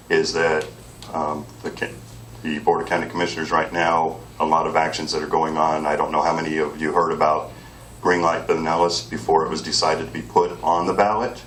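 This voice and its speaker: Really deep monotone guy in his 40s doing a campaign speech, mic kinda far off, a bit of hiss. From Clearwater, Florida. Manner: earnest, with frequent fillers. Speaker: political candidate. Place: meeting room. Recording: distant mic with faint background noise.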